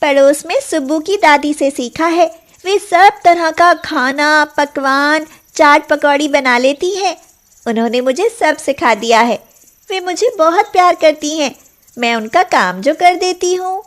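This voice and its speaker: A woman voicing a gentle, timid young orphan girl in a cartoon, speaking softly and earnestly. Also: high-pitched, unhurried.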